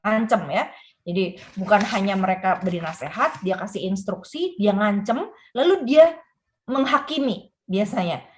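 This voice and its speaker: A woman's voice: medium pitch, animated, normal speed. Woman explaining parenting ideas. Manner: explains with frequent "gitu ya" tags and quoted examples. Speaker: parenting book author, guest. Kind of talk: explanatory interview talk.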